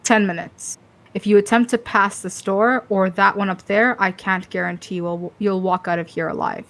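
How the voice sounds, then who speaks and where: A woman's voice: mid-range voice, fairly even intonation, moderate pace, a bit bright, lightly acted. A woman reading game dialogue as a haughty, dismissive senior vampire, cool and condescending. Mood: curt, stern.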